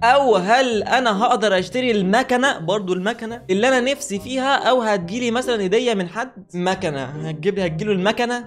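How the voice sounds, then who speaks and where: A young man with a high voice and an Egyptian Arabic accent answers follower questions on his casual, comedic YouTube vlog while music plays behind him. He reads the questions aloud and jokes his way through them in rapid-fire banter.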